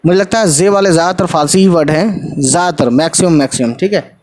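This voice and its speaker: Guy teaching urdu online, spells words out slow, bit higher voice, chatty with viewers. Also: darkish tone. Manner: spells out letters slowly, sprinkles English fillers; talks to viewers as guys. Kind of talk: casual online lesson.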